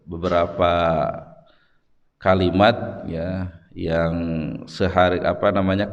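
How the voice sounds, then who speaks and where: A middle-aged man with a low, deep voice gives a relaxed dawn lecture in a mosque hall. He talks conversationally, pausing often and tagging his sentences with "ya." His voice carries a long reverb from the hall. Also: dull audio. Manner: conversational, frequent "ya" tags and pauses. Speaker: religious teacher.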